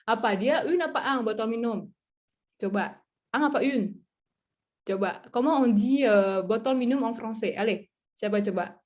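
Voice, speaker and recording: A woman's voice: a little high, normal speed. Chatty young woman tutoring on a call. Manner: chatty and animated, laughing often, acting out French speakers' replies. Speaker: guest speaker, French tutor and content creator. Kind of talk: casual webinar talk.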